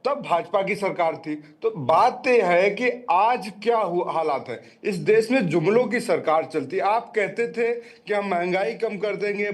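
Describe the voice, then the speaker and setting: A high-voiced man argues as a political spokesman in a TV debate. He is sarcastic and stacks up rhetorical questions and repetitive lists to make his case. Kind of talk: argumentative TV debate.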